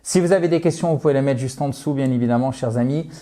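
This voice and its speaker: A lively man gives an English lesson live online, speaking into his own microphone. He jokes with his viewers and keeps the tone playful. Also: mid-range voice, fast. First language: French. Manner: lively, playful, addresses viewers as dear friends. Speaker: English teacher. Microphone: personal microphone.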